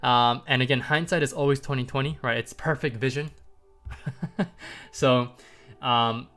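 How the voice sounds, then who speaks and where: A man hosts a market commentary livestream, chatting loosely with viewers with many "um"s, rhetorical "right?"s and light chuckles. His mid-range voice is fairly bright and even in intonation, at a measured pace, and a little stuffy from congestion. Faint music plays in the background.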